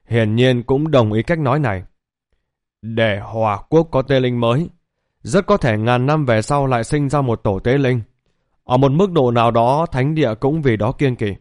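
A man reading a fantasy novel aloud in a steady, even storytelling manner. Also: mid-range voice, no room sound, clean studio sound. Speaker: audiobook narrator.

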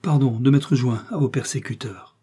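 A man's voice: mid-range voice, moderate pace, mellow, slightly rough. A man doing a zealous young puritan. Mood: pleading. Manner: exalted, pleading outbursts. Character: fervent young puritan officer, zealous and easily swayed. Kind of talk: audiobook character reading.

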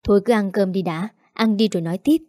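A woman's voice: mid-range voice, quick pace, no echo, studio quality, close to an everyday voice. A woman voicing a nagging, emotional peasant mother in her forties. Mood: fussing. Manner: sharp nagging, scolding.

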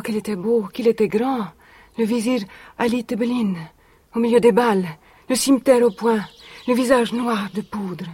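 An actress in a 1980s radio drama playing a young woman who was once a captive, telling her story in a measured, solemn way. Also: on the high side, a little mellow, slightly rough. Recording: vintage radio recording.

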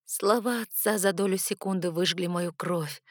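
A woman narrates a first-person novel in a lowish, expressive voice. She reads with emotion and care, leaning into the drama of the story. The recording is dry and close. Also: normal speed, no room sound. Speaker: audiobook reader.

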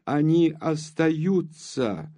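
A man's voice: a little high, expressive, extremely slow, dark tone, pitched above the performer's own voice, exaggerated voice. A man doing a fiery young noblewoman, Natasha. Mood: pleading. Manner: pleading, crying out.

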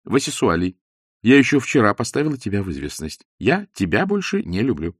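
A man's voice: on the low side, huge pitch swings, a little fast, husky, no echo, clean studio sound, full character voice. A man voicing an irritable, impatient wife who answers curtly. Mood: curt, irritated. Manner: curt, impatient. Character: irritable, cool-headed wife leaving her husband.

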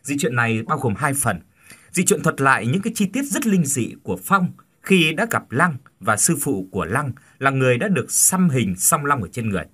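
A man's voice: medium pitch, sing-song, moderate pace, sharp tone, husky. A man, host of a story channel, formally and politely introducing a tale.

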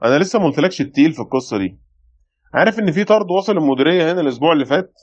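A man's voice: a little high, lively intonation, rapid-fire, darkish tone. An actor playing a blunt, sceptical male Egyptian police brigadier in a radio play, insistent and dismissive. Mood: brisk, explaining. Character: brusque, sceptical male police brigadier, pressing his case. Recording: dull lo-fi audio.

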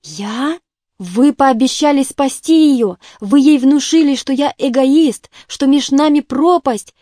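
A woman's voice: high-pitched, slow, warm tone, no echo, clean studio sound, pitched above the performer's own voice. A woman reading an audiobook, voicing a bitter, self-pitying male doctor who groans and breaks into agitated outbursts.

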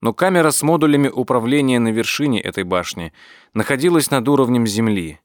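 A man reading an audiobook as its narrator, telling the story in a measured, even way. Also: mid-range voice, dry recording, clean studio sound. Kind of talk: scripted narration.

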